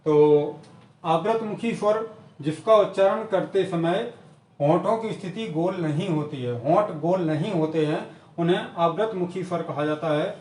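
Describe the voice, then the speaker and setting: A man's voice: high-pitched, darkish tone. Echoey, distant man teaching grammar. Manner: repetitive, drills definitions slowly. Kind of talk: exam-prep lesson.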